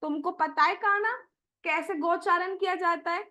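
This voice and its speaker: A woman's voice: very high-pitched, fairly even intonation, moderate pace, pushed and bright. A woman voicing Krishna's loving mother, fondly coaxing her little son to stay home. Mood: worried. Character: loving, worried mother Yashoda.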